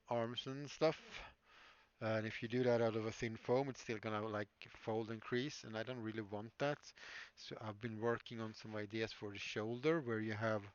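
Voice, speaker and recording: A man chatting casually on a livestream while building props, rambling and musing with many fillers. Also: on the low side. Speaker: prop maker livestreamer. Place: workshop. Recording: dull lo-fi stream audio, dry.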